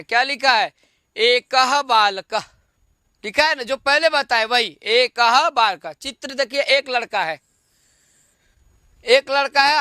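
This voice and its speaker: Patient online-class teacher, high clear voice, unhurried drills and quizzing. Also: pushed and bright, no echo. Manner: patient drilling, repeats each form and quizzes the pupils. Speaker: Sanskrit teacher.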